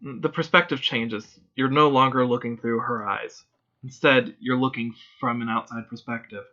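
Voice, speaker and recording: A man narrating a tabletop role-play as game master in a steady, descriptive storytelling manner. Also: medium pitch, normal speed, muffled recording.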